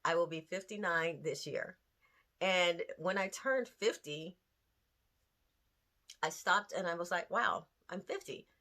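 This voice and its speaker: A woman's voice: on the low side, slow pace, long pauses, bright, forceful tone. A woman in her late fifties hosting a candid talk series, speaking earnestly and conversationally to the camera, with rhetorical questions and emphasis. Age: 50s. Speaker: host.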